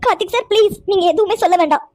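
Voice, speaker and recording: A woman plays a young cartoon heroine who is heartbroken and furious, firing accusing questions at her lover. The voice is very high and rattles along at a racing clip. It is dry, close and free of room sound. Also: racing, a little mellow, no echo. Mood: angry. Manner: accusing, tearful, insistent questions. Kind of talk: cartoon voice acting.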